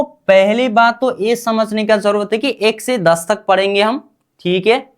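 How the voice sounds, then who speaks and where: A woman teaching a language class, drilling her students with repeated questions and call-and-response. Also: mid-range voice.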